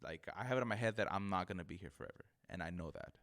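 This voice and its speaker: A man's voice: low-pitched, fairly bright tone. A man with a lisp from missing front teeth, chatting earnestly and casually as an interview guest, often repeating words. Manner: earnest, halting with repeated words, frequent "you know". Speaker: barber, podcast guest.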